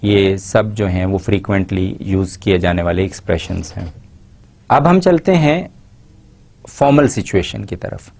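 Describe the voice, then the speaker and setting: Lower-voiced man lecturing. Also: creaky, a little mellow. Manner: explains in Urdu, reads English example phrases slowly and carefully. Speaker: English language lecturer. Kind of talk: recorded university lecture.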